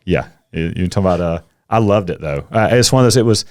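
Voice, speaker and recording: A middle-aged man, a coach and teacher, chatting as a podcast guest and telling animated stories. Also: deep voice, fast talker, no room sound, studio quality. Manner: animated storyteller, acts out kids' voices. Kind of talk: casual interview conversation.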